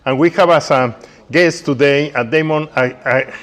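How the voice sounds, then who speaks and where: A non-native English speaker interviews someone live in a relaxed, supportive way at a community tech workspace event. His voice is a little high and fairly bright, at an ordinary pace.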